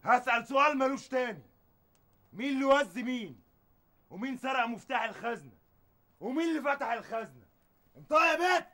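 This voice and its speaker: A menacing Egyptian gang boss. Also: male voice, very high voice, lively intonation, brisk, pauses often, pushed and bright, exaggerated voice. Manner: menacing, commanding. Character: ruthless male gang boss called the Prince. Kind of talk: TV drama acting.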